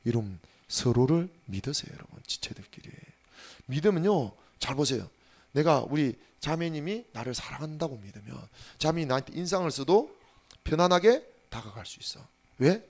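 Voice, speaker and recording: Animated preaching man, lively pitch. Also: normal speed. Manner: animated preaching, swings from hushed asides to loud emphatic calls; speaks to the congregation directly and has them repeat after him. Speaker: pastor. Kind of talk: sermon.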